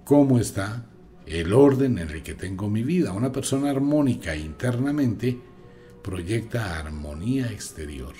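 A man giving an emphatic, preachy radio talk as host, moving between loud and hushed delivery. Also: on the low side, animated, unhurried, soft background music. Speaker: radio host, magic teacher.

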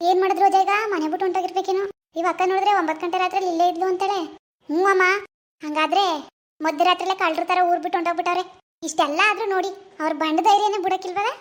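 A woman's voice: very high voice, fairly even intonation. A woman voicing a furious scolding village woman. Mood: indignant. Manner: scolding, indignant, rapid. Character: angry scolding village woman, bossy and vengeful. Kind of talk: animated village drama voice acting.

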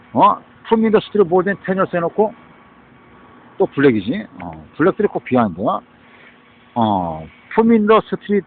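Speaking with vocal fry in a voice on the high side, this man delivers a meandering monologue full of English words and frequent "huh?" and "right?" tags. There's slight background noise, and the audio has a thin, phone-like quality.

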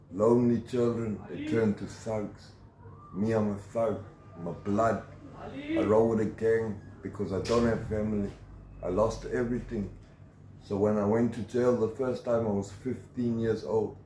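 A man's voice: lowish voice, dark tone, reverberant, a little hiss or hum, low-quality recording. A South African man in his forties, telling his life story as an interviewee in a tough, emphatic way with strong conviction, filmed at close range on a phone camera. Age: 40s. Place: outdoor shelter against a corrugated metal wall.

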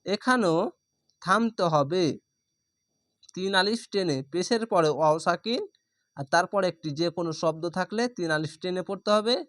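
A man's voice: sits high, a bit bright, no room sound, studio quality. A man teaching Quran reading, patiently spelling out each syllable letter by letter and explaining the rules as he goes. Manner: spells out syllables slowly and methodically.

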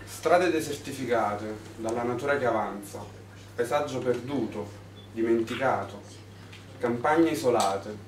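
A young man reading his own poem aloud at a poetry evening, in a quiet, measured voice. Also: medium pitch, distant mic. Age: young adult. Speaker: young poet. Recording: echoey room from afar with background noise.

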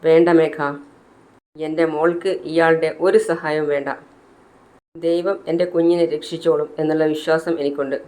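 A woman's voice: deep voice, level tone, moderate pace, dark tone, close to an everyday voice. A narrator voicing an anguished middle-aged mother in a retold serial, pleading with a doctor. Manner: pleading, distraught.

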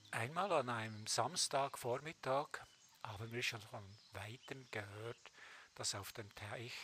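A man's voice: on the low side, noisy background. A man giving unscripted nature documentary commentary, explaining things in short, simple phrases. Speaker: narrator. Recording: music behind the voice. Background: music.

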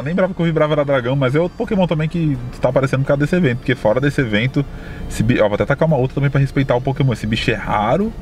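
A man with a Brazilian accent giving casual, excitable commentary on a mobile game, often exaggerating his emotions. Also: medium pitch, slight background noise. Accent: Brazilian Portuguese. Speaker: Pokémon GO vlogger. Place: outdoors at night, then indoors.

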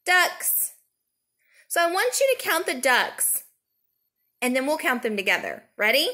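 A woman with a bright, high voice speaks as a preschool teacher would to a toddler. Her delivery is slow and sing-song, with simple questions and pauses left for the child to answer. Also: wildly swooping pitch. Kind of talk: children's counting lesson, as if to a toddler.

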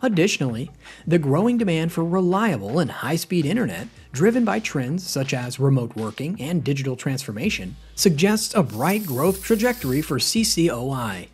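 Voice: medium pitch, sing-song, normal speed, a little mellow, husky. A narrator reading a scripted explainer on investing, moving steadily through a numbered list.

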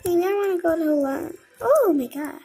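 A young girl plays a game at a computer indoors, a camera filming the screen, as she quietly talks herself through it in a childlike murmur. Her voice is extremely high, expressive and mellow, at a moderate pace. Soft music plays in the background.

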